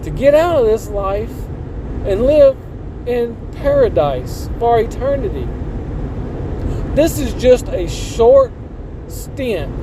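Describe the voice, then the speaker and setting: High-pitched, folksy man over vehicle noise. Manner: earnest, folksy, colloquial. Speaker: channel host. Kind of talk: casual personal vlog monologue with preaching. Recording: clear vehicle and outdoor noise.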